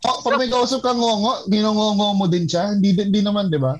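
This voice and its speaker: A man's voice: sits high, fairly even intonation, fast. A man, a podcast co-host, who argues and teases in casual chat. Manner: teasing, argumentative.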